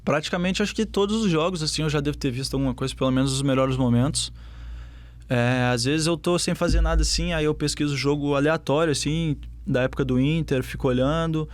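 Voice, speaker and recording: A young adult man with a southern Brazilian accent, a footballer appearing as a guest, answers interview questions casually. His voice is on the high side and a little fast, and he uses lots of fillers and restarts.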